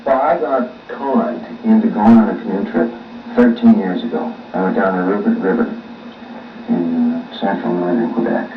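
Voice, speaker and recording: A man, a musician, answering interview questions with many pauses and fillers, heard on old worn tape. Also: deep voice. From Canada. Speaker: musician guest. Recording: echoey, distant, dull old tape with faint hiss.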